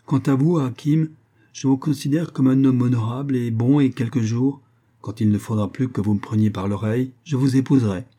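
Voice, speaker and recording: A man reading the part of a composed, teasing woman of forty who speaks in calm, sententious phrases. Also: medium pitch, brisk, breathy edge, natural voice. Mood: calm assurance.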